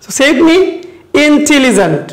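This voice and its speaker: A woman teacher with a Bangladeshi accent, leading a recorded English lesson for children, repeating each word slowly and switching between English and Bengali. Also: high-pitched, animated, roomy sound, rough recording. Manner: slow, repeats words, mixes English and Bengali. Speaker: primary school English teacher.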